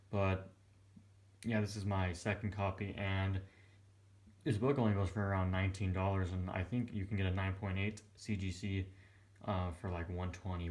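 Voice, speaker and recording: A young man giving casual vlog narration in a quiet but clear, subdued voice, hesitant and a little tired. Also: low voice. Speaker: comic collector presenting his purchases. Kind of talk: casual vlog narration over close-up shots of items. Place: small indoor room at home.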